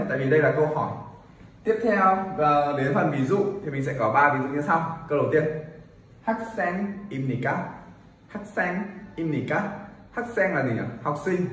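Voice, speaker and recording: A man teaching a Korean grammar lesson, explaining clearly and repeating example sentences slowly for practice. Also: fairly high pitch, fairly bright tone. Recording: very echoey room, somewhat far from mic.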